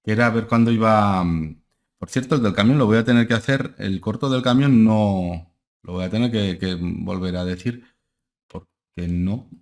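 Low-voiced young man rambling through charts. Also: normal speed. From Spain. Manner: rambling, full of filler tags like ¿eh? and ¿vale?. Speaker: stock market analyst and channel host. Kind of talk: casual screen-share market analysis. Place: home room, indoors.

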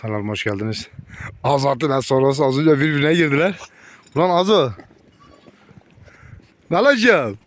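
A man's voice: medium pitch, a little fast. A man vlogging among his dogs, talking to viewers and cooing fondly at the animals, his voice jumping up when he speaks to them. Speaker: dog breeder vlogger. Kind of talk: casual talk to dogs and viewers.

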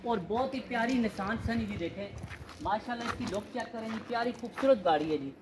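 A man, walking a used-car lot and pitching cars in a steady, repetitive salesman patter. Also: quick pace. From Pakistan. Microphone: handheld phone camera. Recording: noisy outdoor lot.

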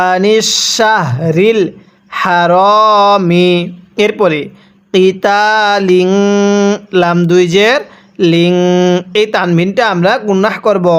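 A man teaching Quran reading by spelling, reciting words slowly and explaining the rules quickly in between, asking listeners to repeat after him. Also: high-pitched. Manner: slow drawn-out recitation alternating with rapid explanations; calls on listeners to read along with him.

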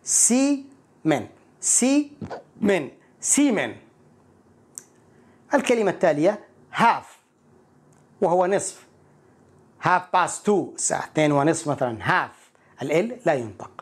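A man teaching an English pronunciation lesson, explaining each point and repeating words slowly to model them. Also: on the high side, expressive, husky.

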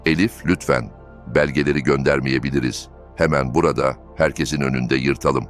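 A man's voice: a bass voice, fairly even intonation, fairly quick. A man reading as a weak, evasive young husband. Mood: sheepish. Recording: faint background music.

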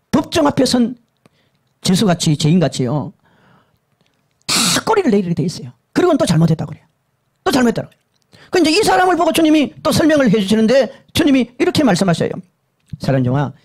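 A male pastor preaching a sermon that recounts a vision, emphatic and repetitive, dropping to hushed lows and rising to urgent highs. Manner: emphatic and repetitive, swinging between low hushed and high urgent tones.

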